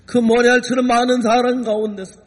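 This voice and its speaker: Husky high-voiced male pastor preaching. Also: little pitch movement, a little fast. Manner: emotional preaching, acting out voices in quotes. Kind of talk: sermon. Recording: long hall reverb.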